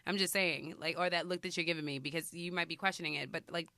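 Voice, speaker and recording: Mid pitch, smooth clear voice, dry sound, hedging, filler-heavy, casual chat. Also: fairly even intonation, fast, pushed and bright, dry recording. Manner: hedging, thinks aloud with many "like"s. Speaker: podcast co-host.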